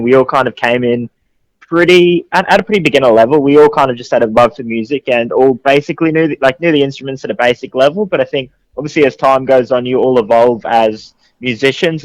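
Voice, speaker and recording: Relaxed and medium-pitched, the Queensland-accented Australian musician answers interview questions over a phone call on a radio show, with no room sound.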